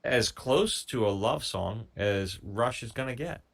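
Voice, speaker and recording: A man co-hosting a music reaction show, chatting in an easygoing, measured way and telling stories about the band. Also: mid-range voice, expressive, vocal fry. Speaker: show co-host picking the music. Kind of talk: casual chat.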